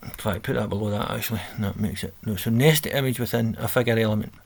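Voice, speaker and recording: A man's voice: fairly low pitch, quick pace, creaky, slight background noise. A man talking through a coding exercise on a screen recording, reading out steps and correcting himself as he goes. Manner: thinking aloud, self-correcting, reading instructions. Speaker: coding tutor. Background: keyboard typing.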